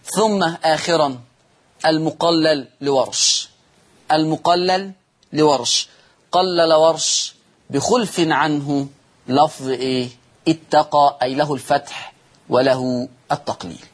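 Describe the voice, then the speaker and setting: Egyptian sheikh teaching recitation, pretty high voice, husky, keeps asking then answering himself. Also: male voice, fairly even intonation. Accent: Egyptian Arabic. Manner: asks students questions and answers them himself, drawn-out quoted recitations. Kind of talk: televised religious lesson.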